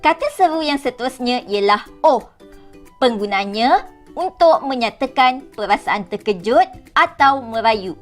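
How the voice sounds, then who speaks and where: A woman teacher with a Malaysian Malay accent, giving a clear, slow grammar lesson to young pupils. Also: on the high side, faint music behind. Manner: slow, clear teacherly delivery with lively rising exclamations. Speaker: primary school teacher. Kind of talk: recorded online grammar lesson.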